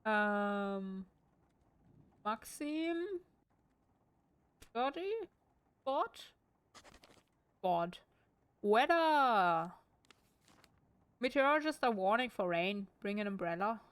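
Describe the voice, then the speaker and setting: A woman's voice: medium pitch, animated, very slow, pauses often, clear, resonant tone, dry recording. A woman with a German accent streaming a game at home, reading in-game text aloud with wry, chatty asides.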